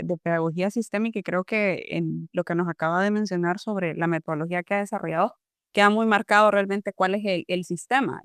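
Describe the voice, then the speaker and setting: Female host, thoughtful measured interviewer, crisp resonant voice. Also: on the low side, dry recording, studio quality. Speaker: podcast host. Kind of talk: interview questions.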